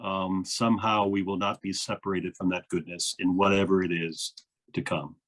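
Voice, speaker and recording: A man's voice: sits low, little pitch movement, normal speed, fairly bright tone. A man, a minister, interviewing a guest in an earnest, thoughtful way with frequent fillers. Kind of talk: reflective conversation.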